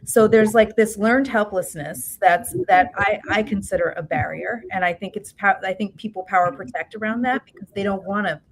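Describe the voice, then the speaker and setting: Halting New York woman guest. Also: mid-range voice, a little hiss or hum. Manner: halting, many fillers and restarts, "right?" tags. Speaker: guest, education expert. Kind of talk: interview conversation.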